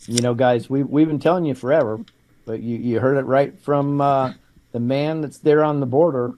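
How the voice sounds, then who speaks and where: Mellow-voiced male talk show host. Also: mid-range voice, steady tone, normal speed, slight background noise. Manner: addresses the audience directly with rhetorical questions.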